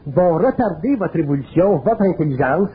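A man with a Quebec French accent gives a spiritual talk in a high voice, colloquial and earthy. He drives his points home with emphasis. The recording is narrow and phone-like, with a faint hiss. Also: lively intonation, normal speed. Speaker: speaker. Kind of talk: spiritual lecture. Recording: narrow phone-like old tape.

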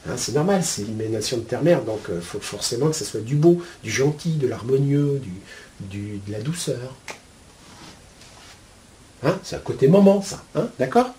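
A man teaching spiritual ideas to his viewers in a casual, colloquial way, with a steady stream of "hein" and "euh". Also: medium pitch, normal speed. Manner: chatty, explains with homely metaphors.

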